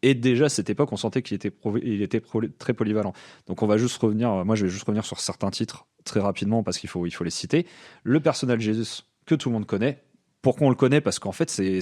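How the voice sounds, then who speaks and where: A man's voice: on the low side, a little mellow. A man co-hosting a podcast, talking casually and with enthusiasm, with frequent fillers and restarts. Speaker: podcast co-host. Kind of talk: casual music chat.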